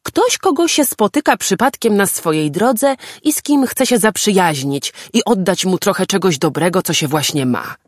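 A woman voicing a small, cheerful male storybook creature who calls out eagerly in a high voice. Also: lively intonation, normal speed, few pauses, no echo, clean studio sound, natural voice. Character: small cheerful male Pampiludek, curious and kind.

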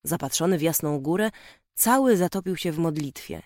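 Calm, dry audiobook narrator. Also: medium pitch, a little fast, no echo. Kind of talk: scripted narration.

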